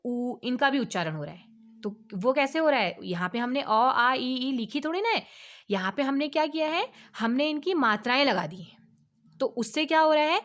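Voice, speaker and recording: A woman teaching an alphabet lesson to children, asking questions and answering them herself, drawing out each letter slowly. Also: high-pitched, fairly bright tone. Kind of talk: online Hindi lesson for children.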